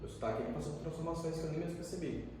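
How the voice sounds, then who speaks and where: This twenty-something youth educator races along in a fairly high, mellow voice, earnest and reflective in casual conversation and leaning on many fillers. The recording has a little hiss or hum, with echo from the room and a distant mic.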